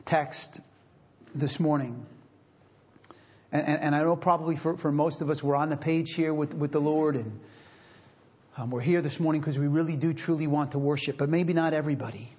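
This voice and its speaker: A man's voice: on the high side, breathy edge. A man preaching a sermon as pastor, emphatic and repeating phrases for stress, on a dull lo-fi recording.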